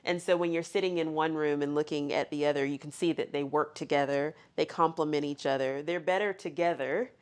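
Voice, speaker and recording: A woman's voice: deep voice, steady tone, fairly quick, hardly any pauses, darkish tone. A woman with a Southern accent, an inn owner giving a casual tour and telling family history with frequent ums. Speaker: bed and breakfast owner. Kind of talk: casual guided tour interview.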